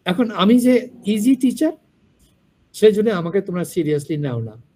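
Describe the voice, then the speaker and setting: A man's voice: sits high, lively intonation, moderate pace, darkish tone. Frank older man lecturing a class. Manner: frank, digressive storytelling. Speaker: university lecturer.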